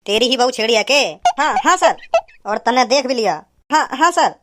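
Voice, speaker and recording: A woman's voice: fairly high pitch, animated, moderate pace, fairly bright tone. A woman voicing a jealous, blustering older village man in a cartoon comedy, who threatens and repeats himself.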